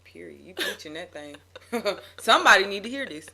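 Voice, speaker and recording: A woman hosting a relaxed talk about faith. She keeps answering her guest with church-style call-and-response lines and cheers her on as she speaks. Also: mid-range voice, fairly quick. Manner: affirming interjections, call-and-response.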